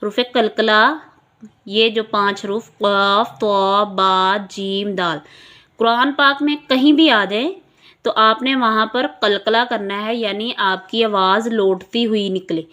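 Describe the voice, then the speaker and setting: A woman with a Pakistani Urdu accent teaching Quranic recitation rules, patiently repeating syllables slowly for learners to follow. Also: mid-range voice, steady tone, pushed and bright.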